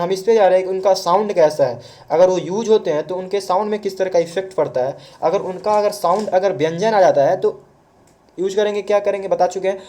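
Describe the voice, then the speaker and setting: With a high, warm voice, a male teacher delivers a grammar lesson online, patiently explaining each step and replying to his own questions. He speaks Hindi mixed with English words.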